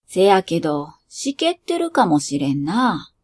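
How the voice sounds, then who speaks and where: A woman voicing a knowing, playful father who speaks with a Kansai accent in a lowered voice. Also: sing-song, unhurried, a little mellow, husky, heavily acted.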